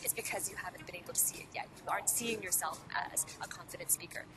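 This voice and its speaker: Her voice sits on the low side and moves at a quick pace as she runs an earnest, motivational public-speaking lesson on video, asking the viewer one rhetorical question after another. She is from Hong Kong and Cantonese is her first language. Music plays in the background.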